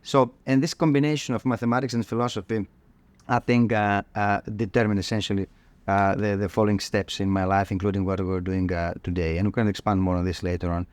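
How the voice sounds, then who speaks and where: A man from Greece with a Greek accent, a cardiologist guest on a podcast, talking in a halting way with many fillers and restarts. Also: on the low side, level tone, no echo. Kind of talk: podcast interview.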